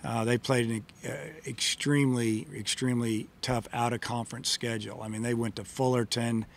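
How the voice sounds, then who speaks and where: A man's voice: mid-range voice, level tone, moderate pace, a little hiss or hum. A middle-aged man, a baseball coach, answering reporters after a game in a plain, matter-of-fact way with many fillers, into a table microphone in a press room. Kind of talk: postgame press conference answers. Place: press room in front of a sponsor backdrop. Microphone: table mic in front of him.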